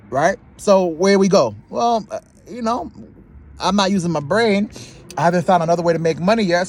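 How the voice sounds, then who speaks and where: A man's voice: a little high, a little mellow. A young man with a lisp talking casually to his vlog viewers in slangy, emphatic language, repeating phrases for effect. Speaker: YouTube vlogger. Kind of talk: casual confessional vlog talk.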